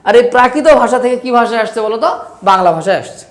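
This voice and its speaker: A teacher with a Bangladeshi Bengali accent and a medium-pitched voice talks very fast while lecturing an online class over slides. Repetitive in style, they go over points again and ask questions they then answer, and the recording has a roomy echo.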